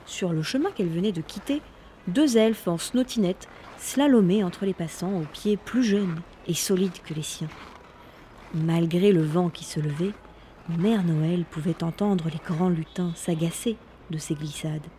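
A woman narrating a Christmas storybook with lively, playful delivery and little sound words. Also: lowish voice, unhurried, a little hiss or hum.

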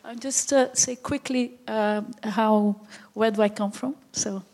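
A woman with a Brazilian Portuguese accent, a filmmaker answering interview questions in a halting way, pausing often to find her words. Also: fairly high pitch, fairly even intonation, darkish tone. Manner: halting, searching for words with many pauses. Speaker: documentary filmmaker, interview guest.

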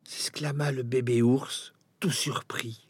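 A man reading a children's fairy tale aloud, very expressive, and now and then speaking straight to his listeners. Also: mid-range voice, slow, music in the background. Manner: expressive, addresses listeners directly. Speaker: storyteller.

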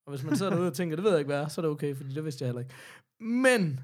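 A man with a fairly high voice and a Danish accent, hosting a loose podcast chat. He is jokey and teasing, swears mildly and slips in English phrases. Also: expressive. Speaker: podcast host. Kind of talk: casual chat.

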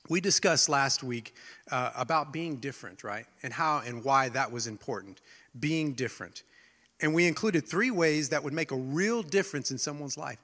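Nasal man preaching, bright voice in a hall. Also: medium pitch. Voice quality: nasal, congested-sounding. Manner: informal, frequent check-ins like "right?" and "okay?". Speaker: teaching pastor. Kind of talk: sermon, conversational teaching.

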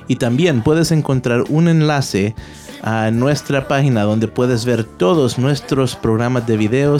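A man's voice: medium pitch, a little mellow. A man announcing a radio program, thanking listeners and a helper in a friendly read-aloud style.

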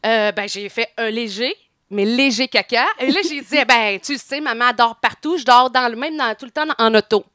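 A middle-aged woman with a Quebec French accent tells a long story as a podcast co-host. Her voice is bright and crisp, and she laughs easily as she talks. The sound is close and dry. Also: fairly high pitch, moderate pace, dry recording. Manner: animated storyteller, laughs often. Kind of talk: casual chat.

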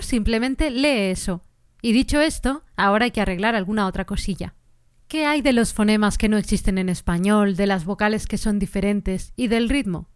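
Woman, podcast singing teacher, smooth clear voice, dry close sound. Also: mid-range voice, dry recording. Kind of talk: podcast lesson.

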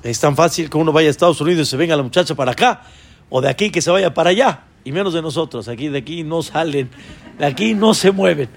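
A man, a rabbi, teaching a Torah lesson, asking his listeners rhetorical questions and jumping to a high voice when quoting figures. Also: fast, vocal fry. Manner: voices quoted figures with sudden high pitch.

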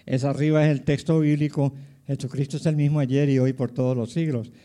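A man's voice: medium pitch, flat delivery, a little fast, warm tone. Elderly man recounting his life story. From Colombia. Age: 90s. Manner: rambling, with many fillers and asides to listeners. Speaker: pastor. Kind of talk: personal testimony, casual storytelling.

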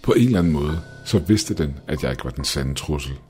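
A man's voice: rumbling low, animated, darkish tone. A man narrating a first-person horror story in a tense, dramatic way. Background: faint music.

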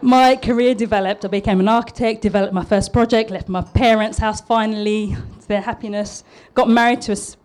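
An architect and public speaker from East London, a woman in her thirties, presents a prepared talk with a polished southern English accent. Her medium-pitched voice is a little mellow, and she sounds earnest and slightly nervous, making small restarts.

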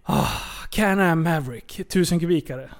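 A man's voice: on the high side, gravelly. A man co-hosting a casual podcast chat, joking and rambling through stories. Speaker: podcast co-host.

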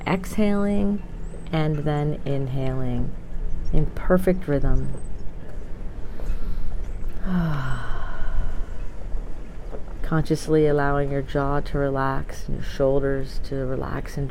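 Female meditation guide, low register, very measured and soothing, clear outdoor wind noise behind. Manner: calm, soothing, unhurried delivery with long pauses. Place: outdoors at a waterfront yacht club by a bay. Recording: windy outdoor noise, distant boat ambience. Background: outdoor wind and waterfront ambience.

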